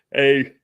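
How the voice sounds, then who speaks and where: A friendly man from Texas hosts a casual livestream talk show, greeting viewers by name. He often calls them brother and chuckles a lot.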